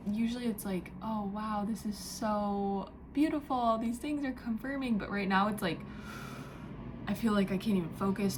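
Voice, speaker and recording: A young woman giving a spiritual channeling message, talking in a halting, dreamy way with many fillers and slipping into soft whispers. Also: medium pitch, background noise. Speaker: psychic channeler. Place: indoors near a window, street and birds outside.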